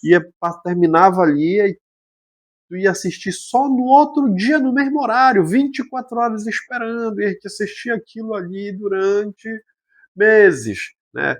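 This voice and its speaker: A man's voice: high-pitched, expressive, normal speed. A man, a psychologist talking casually on a podcast and explaining with rhetorical questions. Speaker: psychologist guest.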